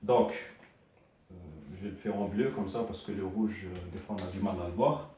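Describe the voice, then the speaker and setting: A man's voice: sits low, dark tone. A man teaching an Arabic reading lesson, drilling syllables one by one with many fillers and repeats. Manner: slow, repetitive drilling of syllables, frequent "donc" and "euh". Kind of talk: classroom lesson. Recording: very echoey room, mic at a distance.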